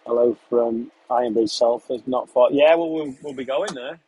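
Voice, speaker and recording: Husky young man chatting from a tractor cab. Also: mid-range voice, moderate pace, rough recording. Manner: relaxed, chatty, answers questions between running commentary on the job. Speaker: farm contractor live-streaming while spraying a field. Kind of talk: casual live-stream chat reading viewer questions. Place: inside a tractor sprayer cab, in a field.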